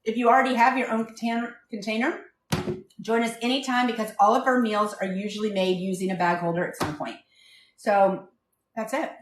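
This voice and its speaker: A woman's voice: a little high, steady tone, brisk, echoey room, recorded from a distance, slight background noise. A woman hosting a live cooking stream from her kitchen, chatting casually and rambling from one tangent to the next. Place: home kitchen.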